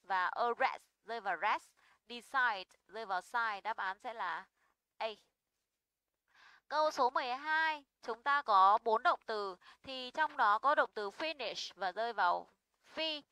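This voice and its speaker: A woman's voice: a little high, a little slow, pushed and bright, smooth, no room sound, low-quality recording. A young woman teaching an English pronunciation lesson. She is patient and often checks in with her students.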